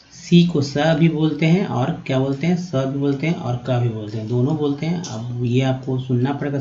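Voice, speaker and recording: A man teaching English reading over slides, patiently sounding out each word slowly and addressing viewers as friends. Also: medium pitch, darkish tone. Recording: dull, roomy lo-fi sound.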